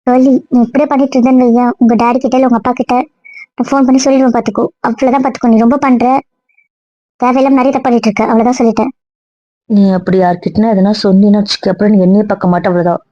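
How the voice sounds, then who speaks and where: A woman's voice: a little high, flat delivery, rapid-fire, mellow, no echo, muffled recording, close to an everyday voice. A woman playing an exasperated, scolding young woman. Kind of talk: amateur audio drama.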